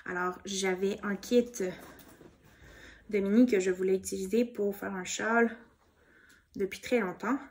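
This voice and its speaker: A woman with a Québécois accent chatting casually about her knitting projects, soft-spoken and gushing, with many fillers. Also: mid-range voice, fairly even intonation, unhurried, pauses often. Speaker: knitting vlogger. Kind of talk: casual show-and-tell chat.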